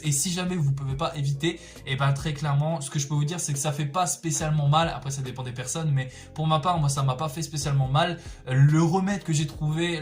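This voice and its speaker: A young man chatting casually through a personal story, slangy and expressive, exclaiming for emphasis. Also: fairly high pitch. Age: young adult. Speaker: storytelling vlogger.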